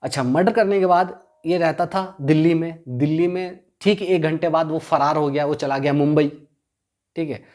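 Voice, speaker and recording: A man's voice: on the high side, moderate pace, a little mellow. Man lecturing, quizzing himself nonstop. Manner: constantly quizzes the listener and answers himself; repetitive, drills key terms. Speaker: law lecturer. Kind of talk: classroom lecture explaining law.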